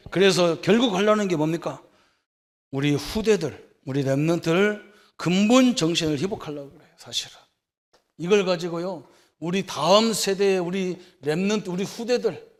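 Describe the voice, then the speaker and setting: A middle-aged man preaching a sermon as pastor, in a conversational way, with rhetorical questions and frequent checks for agreement. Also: high voice. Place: church sanctuary.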